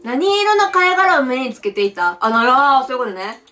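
A young woman from Japan chats through a mobile quiz game, reading each question aloud and answering with blunt, giggly reactions. Her voice sits high and swings widely in pitch. Faint music plays behind her. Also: sing-song, moderate pace, pushed and bright. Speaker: game streamer. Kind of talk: casual playthrough commentary.

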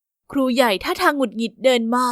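A woman narrating a first-person story with a steady, even storytelling delivery. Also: sits high, fast, dry recording, clean studio sound.

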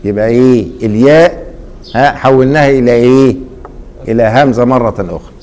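A middle-aged man with an Egyptian accent teaching a classroom grammar lesson, repeatedly pausing mid-sentence so students fill in the missing word. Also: mid-range voice, a little mellow. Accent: Egyptian Arabic. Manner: quizzing, leaves blanks for students to fill.

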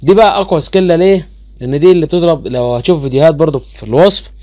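Fast-talking Egyptian man explaining a game. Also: a little high, dark tone. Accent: Egyptian Arabic. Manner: chatty, addresses viewers directly, easily incredulous. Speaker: gaming channel host. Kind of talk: casual game commentary explaining skills.

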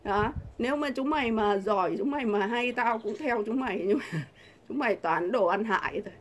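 Middle-aged woman vlogger, fairly high voice, combative and scornful, hurls rhetorical questions. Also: a little fast. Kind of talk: angry political rant to camera.

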